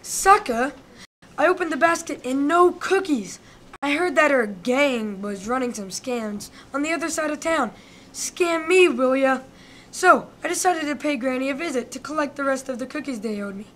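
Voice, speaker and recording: A woman's voice: high voice, animated, moderate pace, a bit bright, slight background noise. A woman voicing a male big bad wolf in a comic radio play, telling his side of the story with indignant self-pity. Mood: aggrieved. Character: male big bad wolf, aggrieved smooth-talking hustler.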